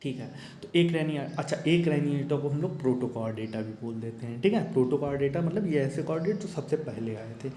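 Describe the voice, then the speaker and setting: Male biology tutor, casual lecture, mellow tone, roomy faint-noise recording. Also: medium pitch, animated, fairly quick, few pauses. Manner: chatty, keeps asking "okay?", acts out student questions. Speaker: biology teacher. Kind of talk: casual Hindi lecture for exam students.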